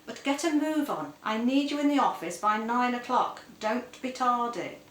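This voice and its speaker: A woman's voice: fairly high pitch, lively intonation, moderate pace, slight background noise, lightly acted. A woman voicing a staid, portly, bossy husband who nags in a pompous tone, in an echoey room. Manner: pompous, nagging.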